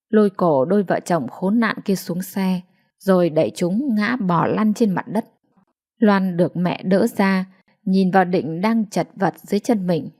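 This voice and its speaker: Người dẫn truyện nữ, giọng kể đều đặn, giàu cảm xúc. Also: female voice, on the low side, a little mellow. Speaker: storyteller. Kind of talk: dramatic story narration.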